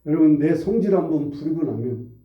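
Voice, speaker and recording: Brief: male pastor in his forties, conversational sermon, slightly high voice, dull and echoey church recording from far off. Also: expressive, fairly quick. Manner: conversational preaching, swings from hushed to loud and high. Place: church sanctuary.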